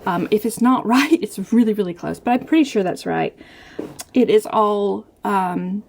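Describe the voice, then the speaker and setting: A woman's voice: mid-range voice, moderate pace, darkish tone, slight background noise. A woman giving a casual, informal show-and-tell as a crafter, chatty and a little self-deprecating. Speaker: quilter presenting her own finished quilt.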